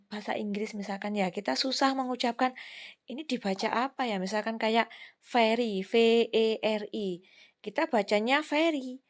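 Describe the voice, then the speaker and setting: Woman lecturing patiently with many examples. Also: a little high. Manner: explains patiently with examples and fillers. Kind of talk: recorded lecture.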